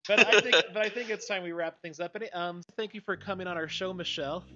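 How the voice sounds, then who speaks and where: A man's voice: sits high, fast talker, bright, forceful tone, lo-fi sound. A man hosting a casual movie-review podcast, laughing often and tripping over his words. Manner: laughs often, stammers and restarts. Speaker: podcast host.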